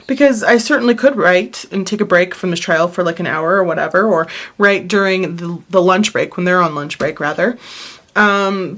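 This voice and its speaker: A woman's voice: mid-range voice, a bit bright. Woman, planner vlogger, short of breath, tired, rambling, apologetic, casual chat, at home. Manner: rambling, apologetic, easily sidetracked. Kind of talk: casual chatty vlog.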